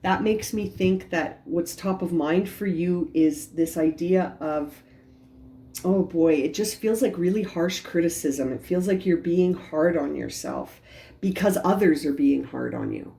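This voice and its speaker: A woman giving a tarot reading for a star sign, talking gently with many restarts and repeated phrases. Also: fairly low pitch, unhurried, gravelly. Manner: gentle, repetitive, frequent restarts. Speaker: tarot reader.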